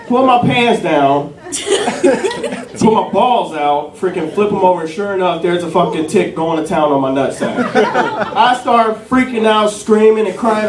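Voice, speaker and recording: A young man doing a stand-up routine, telling loose, profane stories full of fillers, on a club stage. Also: high voice. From a city. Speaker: stand-up comedian. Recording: echoey club from a distant mic with crowd laughter.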